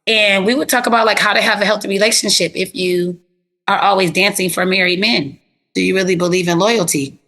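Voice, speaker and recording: A woman therapist telling stories in a casual interview, animated and plain-spoken with easy slang. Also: mid-range voice, brisk. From South Florida.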